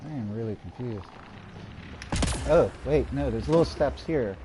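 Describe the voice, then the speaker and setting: A man's voice: mid-range voice, animated, a little slow, noisy background. A man streaming a game live, muttering to himself as he plays and drifting into rambling stories. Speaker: gaming streamer. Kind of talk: live gameplay commentary.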